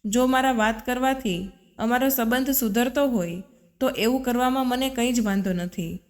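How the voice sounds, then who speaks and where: A woman's voice: on the high side, normal speed, a little mellow, lightly acted. A woman voicing a young husband who pleads with and reproaches his wife, in a storybook reading. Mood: pleading. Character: young husband, earnest then hurt and angry. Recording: long reverb.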